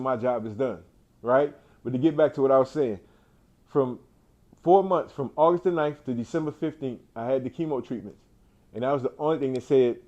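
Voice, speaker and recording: Emphatic man with a warm, mellow voice. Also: medium pitch. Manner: emphatic, repeats phrases, many restarts; faith-driven, preacher-like delivery. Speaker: cancer survivor speaking to an audience. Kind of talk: inspirational talk. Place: indoor venue with an audience.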